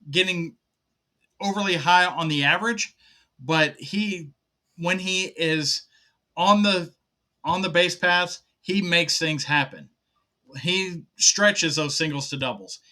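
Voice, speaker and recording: A man's voice: on the high side, pushed and bright. A man co-hosting a sports talk show, giving enthusiastic, stat-heavy analysis in casual chat. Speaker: podcast co-host.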